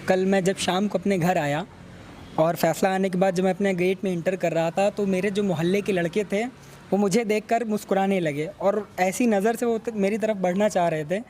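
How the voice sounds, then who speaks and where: A young man answering a street interview, earnest and measured, calling the reporter sir. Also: high-pitched, fairly even intonation, darkish tone, a little hiss or hum. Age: young adult.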